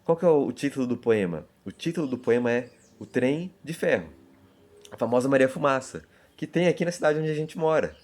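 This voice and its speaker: A man's voice: medium pitch, animated, brisk, darkish tone. A man from Brazil, a teacher giving a chatty lesson to middle-school students, often restarting words and reading poems aloud with rhythm.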